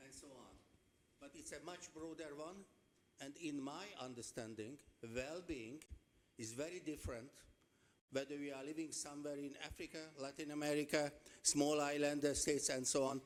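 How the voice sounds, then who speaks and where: A man's voice: a little high, a little hiss or hum. A man offering a comment from the audience at a conference. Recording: echoey hall with long reverb.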